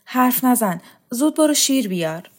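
A woman's voice: a little high, lively intonation, pitched above the performer's own voice. A woman reading as a flustered old lady. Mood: curt. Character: old lady of the house, flustered and sharp-tongued.

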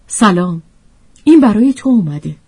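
A flustered young man speaks in a storybook reading, casual and everyday, as a woman narrator puts him on. The voice is slightly husky and lively in pitch. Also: full character voice.

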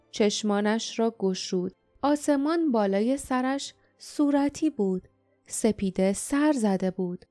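Casting: female audiobook narrator, slightly high voice, steady and even, faint music bed.

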